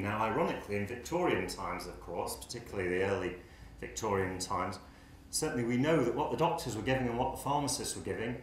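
A lower-voiced English man in his sixties speaks from a lectern in a lecture hall, animated and wry, swinging between dry asides and impassioned appeals. His voice rings through a very echoey room over a faint background hum. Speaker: pharmacy academic speaker. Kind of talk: conference speech.

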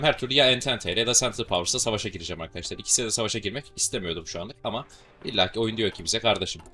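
Fast, bright-voiced Turkish man gaming. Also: fairly low pitch. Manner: chatty, joking, swears casually. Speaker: gaming channel host. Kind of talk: casual strategy game commentary.

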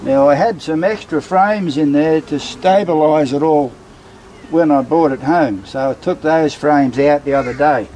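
The buzzing of bees comes through clearly as a man with a fairly high, mellow voice casually explains a hive inspection at a measured pace. He is a beekeeper filming outdoors beside a beehive and a brick house for a vlog, and the recording quality is low.

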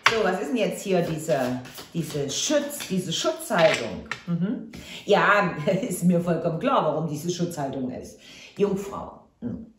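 A woman's voice: on the low side, sing-song, takes it slowly, roomy sound, noisy background. A woman giving a casual tarot reading to camera, chatty and reassuring, often tagging on a questioning "ja?". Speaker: tarot reader.

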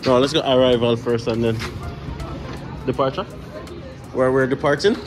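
This casual family vlog walkthrough follows a Jamaican-accented dad through a small airport terminal indoors as he chats to camera in a relaxed way. He speaks at a moderate pace with a medium-pitched voice, and music runs in the background.

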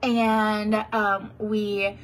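Speaking extremely slowly and flatly at a medium pitch, a Tennessee beauty vlogger in her thirties does a casual get-ready-with-me chat indoors in a fancy hotel room. A cold has her sniffling, and she rambles into a phone held out at arm's length, filling her talk with likes and ums. Slight noise sits in the background.

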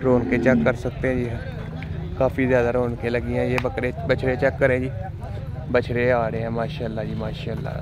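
Touring a tented outdoor livestock market, a vlogger narrates his walk with a mid-range voice, talking a little fast while a crowd murmurs in the background. He sounds flat and repeats himself, praising the cattle over and over, with outdoor noise audible throughout.

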